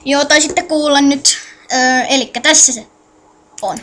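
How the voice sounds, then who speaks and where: Woman with a high voice doing a chill game tutorial, mumbles to herself while clicking, faint hiss behind. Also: steady tone, a bit bright. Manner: mutters to self while clicking, halting and distracted; addresses viewers directly with instructions. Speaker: tutorial maker. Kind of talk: casual screen-recorded game tutorial.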